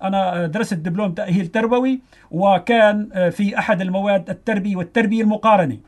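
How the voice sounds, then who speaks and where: A middle-aged man with a Syrian accent explaining earnestly as a teacher in a radio interview, haltingly and repeating phrases for emphasis. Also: high voice. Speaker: mathematics teacher, studio guest.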